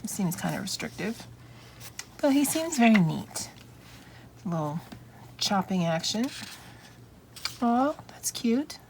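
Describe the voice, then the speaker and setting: Taking her time with long pauses, this woman from a craft channel chats informally over a craft flip-through, her mid-range voice dropping in wry remarks. The audio quality is poor, though it's clear with a steady hum of background noise.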